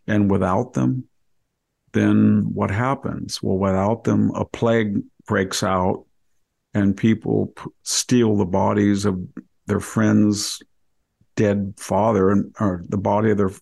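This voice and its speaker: A man with a very gravelly, husky voice talks as a history scholar would in conversation. He is erudite and emphatic, wandering into asides as he explains. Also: on the low side, a little mellow. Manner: erudite, emphatic, digressive, acts out imagined dialogue. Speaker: historian guest.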